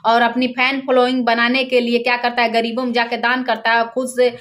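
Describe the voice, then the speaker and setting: A woman's voice: on the high side, flat delivery, brisk, fairly bright tone. A woman singer, giving heated, scolding gossip commentary in a vlog. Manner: scolding, indignant, mocks with quoted voices.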